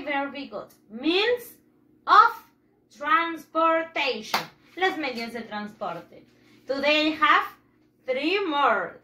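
A woman's voice: sits high, pushed and bright, roomy sound, slight background noise. A woman teaching young children English, patiently repeating each phrase in English and then in Spanish and leading repeat-after-me drills. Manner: leads call-and-repeat drills. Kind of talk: bilingual children's English lesson.

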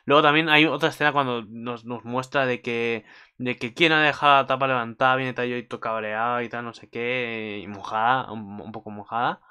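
Man, crisp smooth voice, casual rambling anime commentary, frequent swearing. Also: mid-range voice, fairly even intonation, fairly quick, pushed and bright. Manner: rambling, swears often, many restarts. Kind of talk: casual episode recap.

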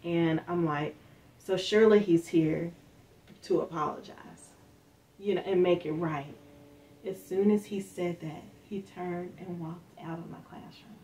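Middle-aged woman from Northern Kentucky, interview storyteller, lowish voice, mic set back with faint hiss. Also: fairly even intonation, measured pace, recorded from a distance, low-quality recording. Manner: soft-spoken, many fillers, acts out quoted speech.

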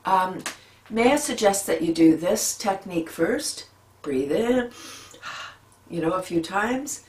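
A middle-aged woman leading a gentle relaxation lesson at home, talking softly and sighing out long breaths between exercises. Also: mid-range voice, lively intonation, unhurried, distant mic. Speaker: laughter yoga leader. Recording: echoey room, a bit off-mic, faint background hum.

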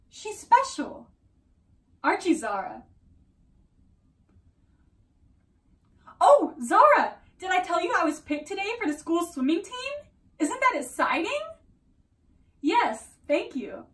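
A lonely teenage girl performed by a young woman speaks in a high, slow-paced voice. Her delivery is a theatrical dramatic monologue, earnest and wistful. She is recorded at some distance from the microphone in a room. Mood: sad, wistful, then excited. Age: young adult. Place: small room at home, indoors. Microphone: camera a few metres away.

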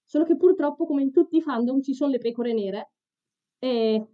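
A woman's voice: high-pitched, moderate pace. A woman in a costume, speaking through its head on a video chat, earnestly explaining at length. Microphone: video chat mic. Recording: dull lo-fi video chat audio.

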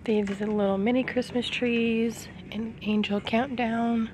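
Her voice is fairly high, darkish in tone and fairly even in intonation as this thirtysomething vlogger casually walks viewers through a shopping trip. Filming handheld in retail aisles and at times from a parked car, she pauses between unhurried remarks on each item, with clear store noise around her.

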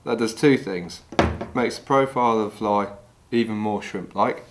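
Working with his hands in a wooden lodge, a middle-aged man from England walks through tying a fly one step at a time, calm and practical. He speaks at a normal speed in a fairly low voice, with faint room hum in the background.

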